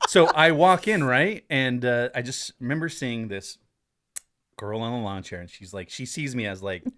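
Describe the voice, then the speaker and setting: A man's voice: medium pitch, normal speed, a bit bright. A middle-aged man from New Mexico, a podcast guest telling rambling, laughing stories and swearing freely. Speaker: podcast guest, pizza consultant. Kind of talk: casual chat, storytelling.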